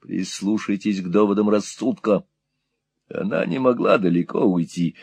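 A man's voice: lowish voice, normal speed, gravelly, a little mellow, husky, dry recording. A man voicing a cold, scheming, commanding man who speaks sharply and curtly. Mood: stern.

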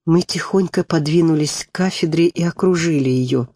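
A man reads an audiobook in a measured, expressive way. His voice sits a little high for a man. The recording is dry and close, with no room sound. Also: dry recording. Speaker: audiobook narrator. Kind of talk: audiobook narration.

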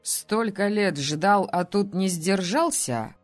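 A woman reading an audiobook and voicing an ancient, calm male keeper who speaks in a measured, patronizing way. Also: medium pitch, faint music behind.

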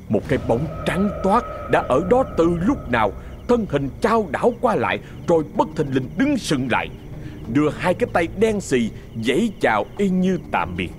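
A man narrating a ghost story with a Southern Vietnamese accent, in a dramatic, suspenseful manner. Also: mid-range voice.

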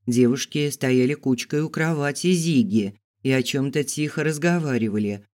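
A man narrating an audiobook in a steady storytelling voice. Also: mid-range voice, moderate pace. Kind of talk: scripted narration.

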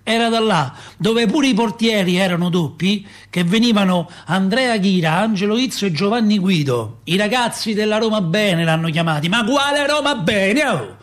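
In a colloquial, storytelling radio-play monologue, an actor voices an indignant Roman doorkeeper, a chatty middle-aged working-class father. His husky voice sits high and carries a Roman accent; he moves at a moderate pace with few pauses, rambling expressively, repeating himself and posing rhetorical questions.

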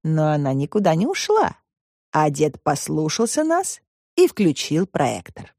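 A woman narrates a children's story with an expressive, storytelling manner. Her pitch moves a great deal. The recording is close and dry. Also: a little slow, no room sound. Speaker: audiobook narrator. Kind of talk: scripted narration.

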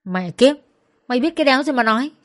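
A woman's voice: high voice, expressive, quick pace, fairly bright tone, voice pushed up. A woman voicing a crude, violent young man, an ex-husband who swears and threatens as he talks. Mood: sneering.

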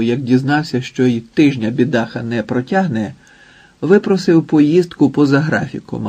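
A man narrating a literary novel as an audiobook reader, in a steady storytelling manner. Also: medium pitch, husky.

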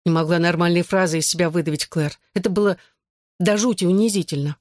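A woman's voice: on the low side, steady tone, fast talker, a little mellow, dry recording, studio quality, close to an everyday voice. A woman voicing a shy, embarrassed teenage girl in an audiobook, speaking hesitantly. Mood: sheepish. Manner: hesitant, sheepish.

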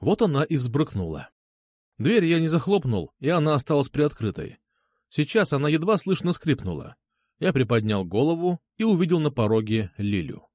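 A male narrator reads first-person fiction with dry irony, his pitch moving lively up and down. His voice sits a little higher than most men's. The recording is close and dry, with no room around it. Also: moderate pace, dry recording. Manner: wry, ironic storytelling. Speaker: audiobook narrator.

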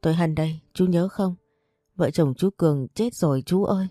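A woman's voice: fairly low pitch, moderate pace, dark tone, no echo, clean studio sound, faint music behind, lightly acted. A woman voicing a frightened older housemaid who cries out in panic, in a storybook reading. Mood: urgent.

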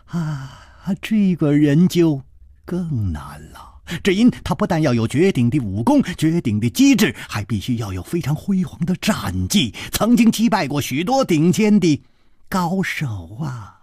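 Man doing a soft polite schemer, slow husky chuckly talk. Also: fairly high pitch, huge pitch swings, no room sound, studio quality, voice pushed up, full character voice. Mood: courteous. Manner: soft, courteous, chuckling, drawn-out. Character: polite scheming young male host, smiling. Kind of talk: traditional storytelling performance.

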